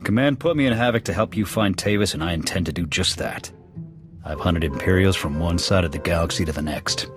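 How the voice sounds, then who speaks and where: A man voices a deep, gruff American military officer in video game dialogue: a proud alien Cathar, a blunt veteran sniper and second to his commander. His natural voice moves fairly quickly with clipped, blunt military delivery, sounding blunt and proud, while background music plays underneath.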